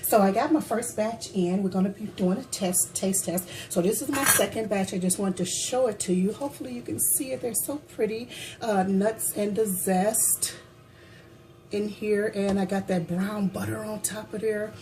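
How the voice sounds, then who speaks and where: Woman in her kitchen doing a taste test, mellow voice, lots of mm's, mouth full, casual chat. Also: mid-range voice, fairly even intonation, moderate pace, a little hiss or hum, poor audio. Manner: chatty, savoring food with frequent hums; talks with mouth full while tasting. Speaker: baking vlogger. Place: home kitchen.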